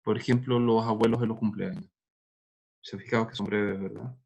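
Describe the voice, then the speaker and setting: A man's voice: lowish voice, fairly even intonation, brisk, creaky, a little mellow, breathy edge, muffled recording. A middle-aged man gives a university lecture in a conversational way, working through examples with frequent hesitations. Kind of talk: recorded lecture on neuropsychology.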